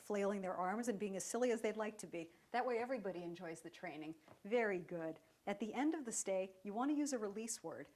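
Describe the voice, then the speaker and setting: A woman teaching dog training, her voice calm and even. She explains each step clearly and patiently. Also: medium pitch. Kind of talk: instructional demonstration.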